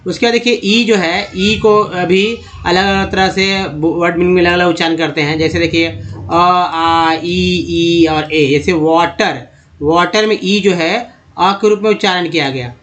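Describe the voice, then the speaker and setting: A man teaching English pronunciation over a screen lesson. He talks slowly, spelling out letters and repeating words. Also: high-pitched, a bit bright. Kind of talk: screen-based spoken lesson.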